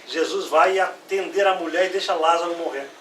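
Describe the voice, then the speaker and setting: Male pastor, high voice, lively sermon delivery, echoey distant room sound. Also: a little fast, slight background noise. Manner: lively preaching, acts out Bible quotes.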